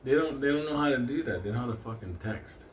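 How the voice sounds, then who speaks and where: This man talks fast in a medium-pitched, animated voice, spinning casual, comedic stories full of swearing and frequent bursts of laughter. He is a host and storyteller whose first language is Spanish, with roots in Puerto Rico or a Puerto Rican community. His rambling tales are captured with a roomy echo and faint background noise.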